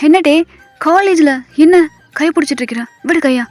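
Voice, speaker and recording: A woman's voice: high voice, moderate pace, a little mellow, no echo, faint music behind, close to an everyday voice. A woman voicing a heartbroken young man who cries and pleads, repeating himself through tears, in a storybook reading. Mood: flustered. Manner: tearful, pleading, repeats phrases. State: crying.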